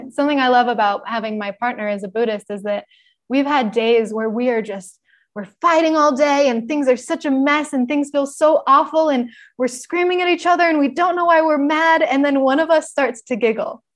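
A woman with a fairly high voice talks as a podcast guest in casual conversation. She is animated and laughs often, lifting her voice for emphasis and dropping it low and soft when she turns reflective. A touch of the sniffles sits in her voice. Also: normal speed. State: mild sniffles.

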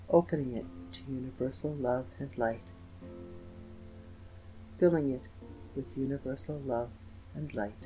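A man's voice: mid-range voice, low-quality recording. Soothing man guiding meditation over music. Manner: slow, gentle, soothing delivery with pauses. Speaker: guided meditation narrator. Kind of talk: scripted guided meditation. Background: soft instrumental music with guitar.

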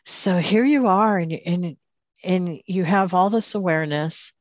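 Low-voiced woman hosting a podcast. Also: measured pace, dry recording, clean studio sound. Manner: warm, inquisitive, laughs easily. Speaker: podcast host. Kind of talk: conversational podcast interview.

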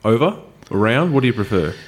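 A man's voice: mid-range voice, sing-song, fast talker, breathy edge. A man with an Australian accent hosting a casual podcast, bantering and rambling in a jokey way. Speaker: podcast host. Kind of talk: casual chat.

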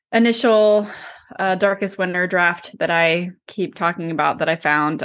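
A woman's voice: on the low side, a bit bright. Chatty, tired woman podcast co-host. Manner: chatty, rambling, self-deprecating, laughs often. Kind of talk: casual chat.

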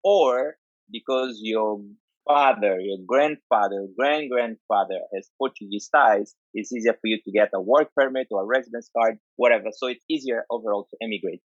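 A man's voice: on the low side, normal speed, no room sound, dull audio. A man with an Angolan accent gives an informal, conversational explanation, stressing points by repeating and listing. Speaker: dance culture speaker.

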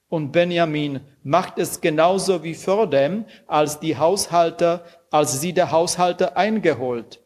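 A man reading a scripture passage and commenting on it in a measured, earnest way, with dramatic pauses. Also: fairly high pitch.

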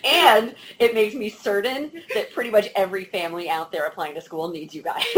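A woman reading a fast, scripted legal disclaimer in a brisk, formal manner. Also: mid-range voice, lively intonation, a little hiss or hum, rough recording.

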